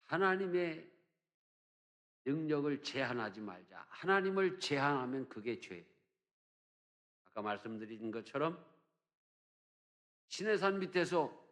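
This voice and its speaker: A man's voice: mid-range voice, fairly bright tone. An older man preaching a sermon as pastor, telling stories and acting out children's teasing, with emphatic rises on key points. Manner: storytelling, acting out children's teasing in a sing-song voice. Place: church sanctuary.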